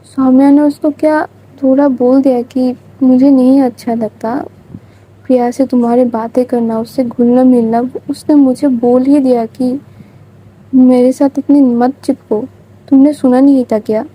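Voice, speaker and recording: A woman's voice: sits high, flat delivery, a little slow, mellow, husky, rough recording. A woman voicing a heartbroken young woman, hurt and pleading as she explains her hidden love, in a storytelling reading. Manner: pleading, hurt self-justifying.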